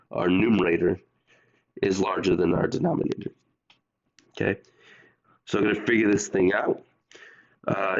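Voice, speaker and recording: A man with a low, gravelly voice walks students through math problems step by step, sounding under the weather. The recording is dull and lo-fi, like a homemade lesson video. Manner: steady step-by-step explaining, talks to students directly. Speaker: math teacher.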